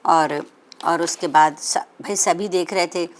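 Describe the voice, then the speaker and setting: A woman storyteller reading a literary story aloud in a lower-pitched voice. She breaks off into casual explanatory asides and corrects herself mid-sentence, stopping to fill pauses. The delivery is unpolished and conversational. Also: steady tone.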